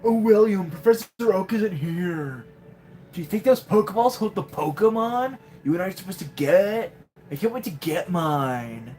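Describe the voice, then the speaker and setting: A man voicing a cocky, excitable young rival in a video game, loud, bossy and overeager. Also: high voice, moderate pace. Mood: eager. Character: cocky, excitable boy rival, pushy and eager. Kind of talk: reading game dialogue aloud in character.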